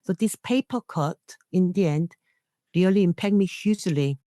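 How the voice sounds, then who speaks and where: Here the internationally trained nurse and leader, a middle-aged woman, talks at a normal speed in a lowish, dark-toned voice with no echo. She's an interview guest telling her own story earnestly in English, a language that isn't her native one, so her phrasing comes across as non-native.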